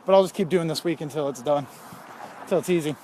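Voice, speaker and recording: A man with a high voice talks to his camera while out on a walk, rambling candidly and filling pauses with ums. He sounds a little out of breath. Faint noise sits behind him. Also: dark tone. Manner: rambling, candid, with many fillers. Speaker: fitness vlogger. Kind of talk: casual talk while walking. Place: outdoors on a walk.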